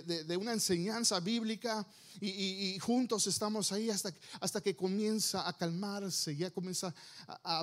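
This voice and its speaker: A man's voice: sits high, fairly bright tone. A man preaching a sermon as a pastor, earnest and emphatic, repeating his key phrases.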